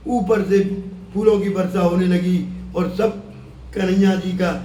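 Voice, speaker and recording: A man telling a devotional tale from an ashram, with slow sung chants between narration. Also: sits high, flat delivery, mellow. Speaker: devotional storyteller. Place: ashram hut. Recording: echoey room, mic far off, faint hum.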